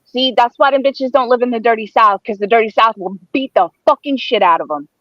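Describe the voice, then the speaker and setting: A woman's voice: fairly high pitch, brisk, no echo, highs cut off. A woman co-hosting a heated political talk show, blunt and combative, swearing freely. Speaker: co-host.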